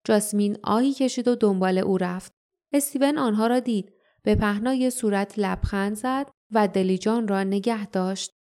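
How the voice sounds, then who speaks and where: Woman, audiobook narration, calm measured reading, mellow warm tone, mid pitch. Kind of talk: scripted narration.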